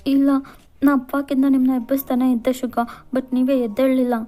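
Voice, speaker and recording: A flustered young college girl stammers, pleads and apologizes, played by a woman reader. Her voice runs high and mellow, and faint music sits behind this storybook voice-over. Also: flat delivery, brisk, natural voice.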